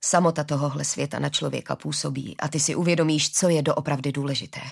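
A woman reading the lines of a gentle, forgiving father in a storybook, slowly and earnestly, with a low husky voice. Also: steady tone, exaggerated voice.

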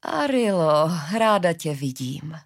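A woman voicing a kind, motherly old herder woman who speaks slowly and gently in a storybook reading. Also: very animated, creaky, full character voice. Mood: gentle. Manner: slow, gentle, low.

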